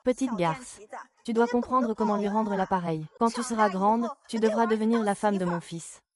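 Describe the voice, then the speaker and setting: A woman's voice: mid-range voice, normal speed, close to an everyday voice. A woman dubbing dialogue for a family drama with an emotional delivery. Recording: loud crowd noise behind.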